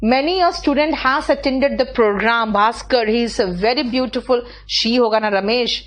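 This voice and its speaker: A woman with an Indian accent and a slightly high voice teaches an English class online. She reads her students' sentences slowly, drawing them out, and corrects them patiently, slipping in quick asides in Hindi between them.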